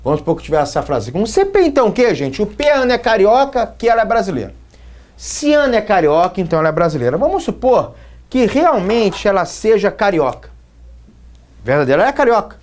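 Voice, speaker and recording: A man's voice: high voice, big pitch swings, fast talker, a little mellow. A man from Brazil teaching a logic lesson at a whiteboard, checking in with students again and again as he explains. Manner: explains with repeated questions to the students.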